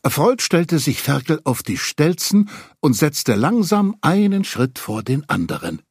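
A man reading a children's story aloud, expressive storyteller. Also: a little high, measured pace, slightly rough, no room sound, clean studio sound. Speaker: narrator.

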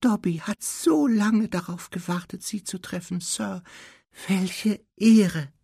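A man voicing a small, servile male house-elf with a piercing squeaky voice who calls everyone sir. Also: slow, vocal fry, dark tone, breathy edge, no room sound, clean studio sound, full character voice. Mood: awed. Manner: calls everyone sir, refers to himself by name.

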